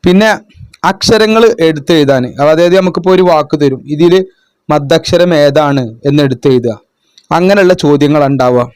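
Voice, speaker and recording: A man's voice: fairly high pitch, moderate pace, a little mellow, clean tone, no room sound. A man tutoring children in a revision lesson, patiently asking questions and answering them himself. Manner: explains patiently, asks and answers his own questions. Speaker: madrasa tutor.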